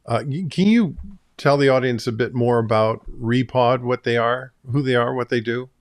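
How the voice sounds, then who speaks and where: A man's voice: mid-range voice, moderate pace, dry recording. A man hosts a live-stream interview, asking guests in turn to speak in an easy, conversational way. His voice sits in the middle range for a man. The recording is dry and close. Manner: conversational, hands off questions to guests. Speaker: host.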